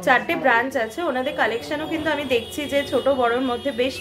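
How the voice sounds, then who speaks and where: A woman's voice: high-pitched, fast talker. A woman vlogging casually, chatting and explaining things to her viewers with frequent fillers. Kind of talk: casual vlog narration.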